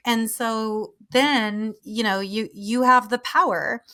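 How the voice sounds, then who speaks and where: A woman's voice: a little high, steady tone, slow pace, sharp tone. A woman hosting a podcast in a casual interview chat, chatty with frequent laughs and filler words. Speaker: podcast host.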